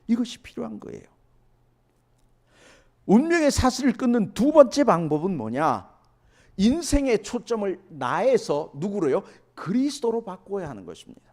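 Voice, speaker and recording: A man preaching a sermon as a pastor. He keeps asking the congregation questions and answering them himself, and he swings from loud emphatic lines down to hushed asides. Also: very high voice, huge pitch swings, normal speed, gravelly.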